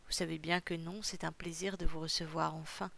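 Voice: mid-range voice, flat delivery, brisk, gravelly, fairly bright tone. A reader voicing a cunning old lord. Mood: courteous. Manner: courteous, fussing.

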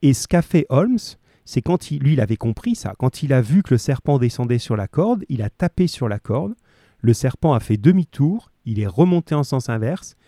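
A male teacher reading a story aloud to his class and explaining it, lively and full of questions. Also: mid-range voice, moderate pace, no room sound, clean studio sound. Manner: lively, asks questions and stresses key words.

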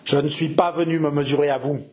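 A man's voice: on the high side, fairly even intonation, quick pace, darkish tone, natural voice. A man voicing a wild, bitter young nobleman who speaks in a frantic, intense way. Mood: frenzied.

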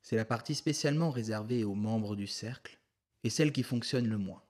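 A man's voice: on the low side, normal speed, darkish tone, close to an everyday voice. A man voicing a polite, earnest male secretary guiding a visitor, courteous and explanatory.

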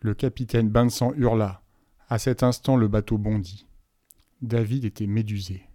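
Low-voiced man reading a novel aloud. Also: fairly even intonation, moderate pace, mellow, dry recording, clean studio sound. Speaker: audiobook reader. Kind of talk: audiobook narration of a novel.

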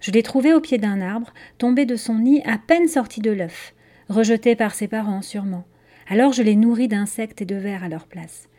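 A woman voicing a friendly young boy in a storybook reading, talking eagerly and asking quick questions. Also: a little high, warm tone, close to an everyday voice.

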